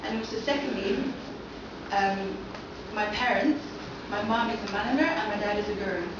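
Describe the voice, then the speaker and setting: Here a young adult London woman with a mid-range voice presents at a moderate pace, peppering the audience with questions during her academic seminar talk. She was captured at a distance in an echoey lecture hall, so the audio is muffled and noisy.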